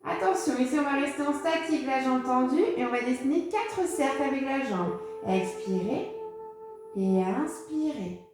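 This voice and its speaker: A woman with a high voice leads a pilates session, calmly guiding each move and counting the breaths out loud. Her voice rings through a very echoey room. Music plays clearly behind her. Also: brisk, few pauses. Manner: calm, encouraging, counts breaths aloud with casual fillers. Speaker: pilates instructor. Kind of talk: guided exercise class.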